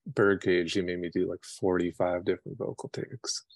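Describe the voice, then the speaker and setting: Speaking at a normal pace with a deep voice and fairly even intonation, a New York City singer-songwriter rambles through a casual interview, full of slang and self-mockery. The recording is dry.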